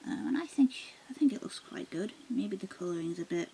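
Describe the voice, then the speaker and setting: Woman art vlogger, casual and rambling, soft half-whispered asides, fry-heavy voice over a noisy home recording. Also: mid-range voice, brisk. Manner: rambling, many ums and restarts; often drops to a half-whisper. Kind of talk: casual sketchbook tour. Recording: steady background noise.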